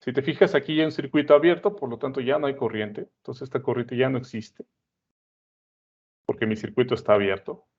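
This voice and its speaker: A man's voice: mid-range voice, steady tone, a little fast, a little mellow. A man explaining a lesson at a board, chatty, often checking in with his listeners. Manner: conversational, checks in with "¿sale?" and "¿no?". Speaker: teacher. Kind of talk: explaining at a whiteboard. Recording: dull lo-fi sound.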